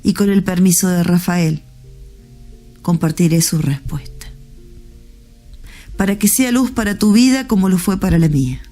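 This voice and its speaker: A woman gives a heartfelt faith testimony. Her voice is mellow and dark in tone, with a soft, repetitive delivery. Faint music plays underneath. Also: lowish voice, moderate pace, long pauses. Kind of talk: emotional spoken testimony.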